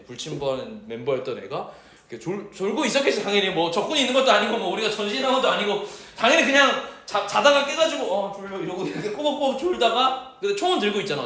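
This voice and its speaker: A male teacher tells a story during a lecture in a casual, animated way and acts out the shouts and voices of the people in it. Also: sits high. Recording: echoey room with a distant mic.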